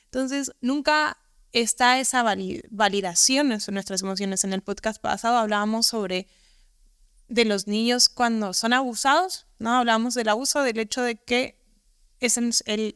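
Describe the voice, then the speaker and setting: A woman's voice: a little high, normal speed, fairly bright tone, clean tone, no echo, clean studio sound. A woman hosting a podcast, reflecting thoughtfully and often restarting her phrases. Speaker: podcast host. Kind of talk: conversational interview.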